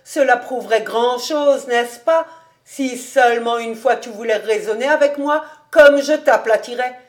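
A woman reading an audiobook, voicing an excitable, argumentative old village rabbi in a loud, indignant manner. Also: high voice, normal speed, pitched above the performer's own voice, lightly acted. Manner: loud, indignant, mocking laughter.

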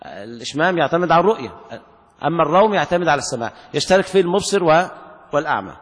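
Male sheikh, teaching a class on recitation rules; fairly high voice, reverberant hall sound. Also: very animated. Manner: slow, drawn-out demonstrations of recitation; asks the class questions. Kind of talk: classroom lecture explaining a text. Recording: long reverb of a large hall.

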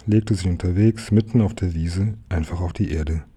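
A man calmly reading a children's book aloud, chapter by chapter. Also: low-pitched, normal speed, slight background noise. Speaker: storyteller.

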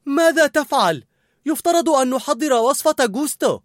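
A man's voice: sits high, sing-song, a little fast, dry recording, studio quality, voice pushed up. A man voicing a stern young woman head cook who scolds sharply. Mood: sharp, scolding.

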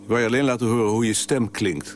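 An actor playing a weary, laconic husband who answers in short, dry replies in a radio drama. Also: male voice, medium pitch, quick pace, a little hiss or hum, lightly acted. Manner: terse, dry, curt replies. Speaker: husband, office worker.

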